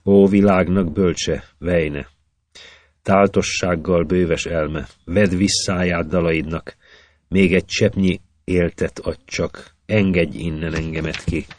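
A man's voice: deep voice, steady tone, a little mellow, no room sound, natural voice. A man voicing a pleading young braggart. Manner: pleading, bargaining in rhythmic verse.

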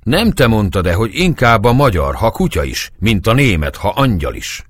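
A man voicing a stern old priest in a storybook reading, raised and loud in anger. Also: fairly low pitch, sing-song, husky, no echo, clean studio sound, pitched above the performer's own voice, heavily acted. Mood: furious. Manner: shouting, indignant.

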